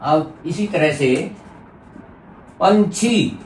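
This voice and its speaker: A man with a somewhat high voice teaches a grammar lesson at a very slow, deliberate pace. He repeats example words carefully to show how they are pronounced. He is recorded from a distance in an echoey room with faint background noise.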